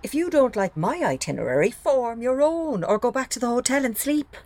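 A man's voice: very high voice, sing-song, fairly quick, darkish tone, dry recording, pitched above the performer's own voice, full character voice. A man voicing his curt, dismissive wife. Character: sharp-tongued middle-aged wife, travel planner.

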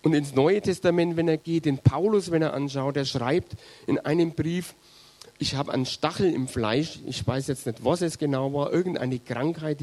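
A man delivering a sermon, earnest and pastoral, addressing his listeners directly. His voice is dark and husky, with a mellow warmth. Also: medium pitch. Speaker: preacher.

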